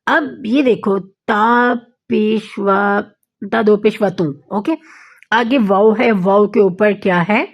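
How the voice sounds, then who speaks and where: A woman teaching an online Quran recitation lesson. She explains patiently, keeps checking in with her listeners and slows down to recite the Arabic examples. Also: mid-range voice. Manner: patient, repeats points with frequent checking fillers.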